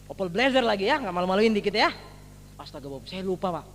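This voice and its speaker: A man giving a motivational testimony to a seminar audience, telling his story in an animated way, full of exclamations and direct address. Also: high voice, quick pace. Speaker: network marketing member giving a testimony. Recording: reverberant hall with faint background noise.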